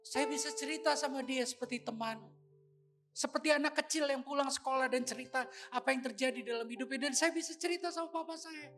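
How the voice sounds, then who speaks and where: A man preaching a sermon, telling a personal story with acted quotes and lively delivery. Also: very high voice, fast, soft background music. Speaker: pastor.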